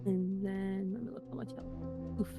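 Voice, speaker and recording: A woman's voice: medium pitch, steady tone, normal speed, vocal fry. Female player, casual and amused, music plainly audible. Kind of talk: casual game chat.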